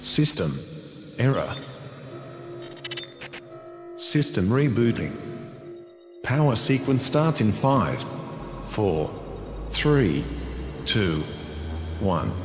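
A man's voice: fairly low pitch, drawn-out words, long pauses, full character voice. A man voicing a glitching robot computer. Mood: mechanical. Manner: flat announcing countdown. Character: glitching male AI computer system, booting up. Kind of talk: promo video voice-over. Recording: video played over hall speakers, with music.

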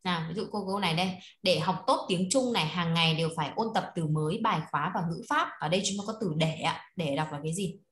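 Fast-talking woman teacher. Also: fairly low pitch, fairly bright tone. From Vietnam. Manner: coaxing, repeats words, prompts students to read aloud. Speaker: Chinese language teacher. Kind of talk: online class teaching. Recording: echoey room.

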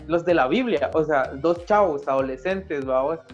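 A man's voice: fairly high pitch, animated, a little slow, muffled recording, soft background music. A young man with a Central American Spanish accent, co-hosting a casual podcast chat, joking and slangy, laughing often. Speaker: podcast co-host.

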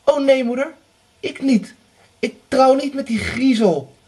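A shrill, frightened young girl, as a man voices her in a storybook reading. The voice is pushed very high and loud with alarm. A breathy, husky grain stays under it. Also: sing-song, moderate pace, exaggerated voice. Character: frightened young elder daughter, stubborn.

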